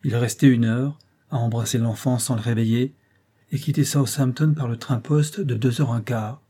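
A man's voice: medium pitch, fairly even intonation, normal speed, warm tone, husky, close to an everyday voice. A man voicing a whining, self-pitying old grandfather in an audiobook, complaining and ingratiating.

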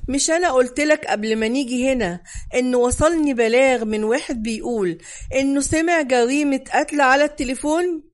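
A woman reads a cocky young police lieutenant in an Egyptian crime audiobook. He talks down to everyone, smug and provoking, in a somewhat high voice. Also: brisk, natural voice.

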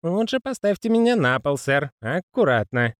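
In an audiobook reading, a man plays a fussy, anxious old male postman, raising his voice above his natural pitch into a high, sing-song register at a moderate pace. The recording is dry and studio quality, and the mood is soothing.

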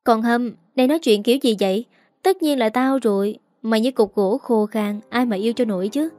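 Woman doing a bossy gossipy girl coworker, teasing, mellow tone. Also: a little high, a little fast, close to an everyday voice.

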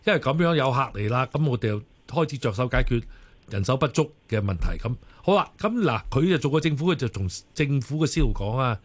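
A man's voice: mid-range voice, animated, fast. A male talk radio host recapping a guest's points step by step before asking his question. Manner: sums up points in numbered steps.

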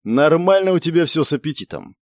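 Grumbling, teasing companion, voiced by a male narrator; dry, lively read. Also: fairly high pitch, fairly quick, no echo, pitched above the performer's own voice, lightly acted. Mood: wry. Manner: teasing, wry.

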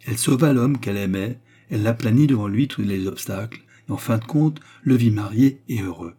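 A man's voice: on the low side, brisk, warm tone, slightly rough. A man reading aloud, voicing a worldly, mocking former courtesan with an ironic, self-assured manner. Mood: storytelling. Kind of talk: audiobook character reading.

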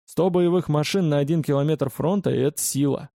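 A man reading a first-person war story aloud, expressive and colloquial in his storytelling. His voice is a little high for a man but dark and mellow, and the recording is close and dry with no room sound. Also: brisk, vocal fry, no room sound. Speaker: audiobook narrator. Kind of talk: first-person audiobook narration.

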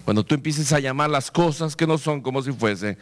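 A man's voice: medium pitch, a little fast. A male pastor preaching a sermon, telling the story dramatically with vivid sound effects and exhorting his listeners directly.

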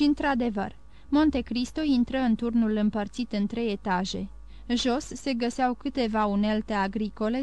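A woman reading a classic novel aloud in an even, measured audiobook narration. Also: a little high, clear, resonant tone, dry recording. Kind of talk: scripted narration.

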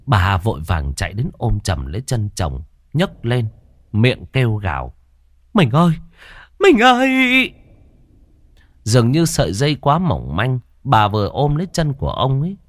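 A man narrating a horror story in a dramatic, expressive way. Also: fairly low pitch, moderate pace, no room sound, clean studio sound.

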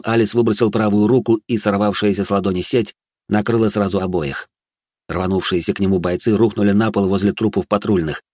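A man reading a fantasy audiobook aloud in a steady, measured way. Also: fairly low pitch, no room sound, clean studio sound. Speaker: audiobook narrator. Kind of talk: scripted fantasy narration.

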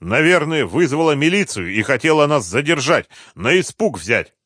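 A man voicing a bossy, quick-tempered gang leader in an audiobook, barking orders. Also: fairly high pitch, very animated, fairly bright tone, husky, no echo, studio quality, voice pushed up, exaggerated voice. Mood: scheming.

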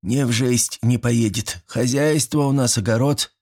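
Man doing a creaky stubborn sick old man. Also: mid-range voice, measured pace, darkish tone, voice pushed up. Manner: stubborn, grumbling.

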